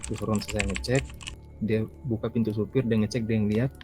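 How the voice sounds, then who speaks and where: A man's voice: lowish voice, steady tone, brisk, mellow, slight background noise. A young man from East Kalimantan telling his own ghost story in a loose, rambling way, repeating himself and acting out his talk with his mother. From East Kalimantan, Indonesia. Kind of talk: casual spoken storytelling.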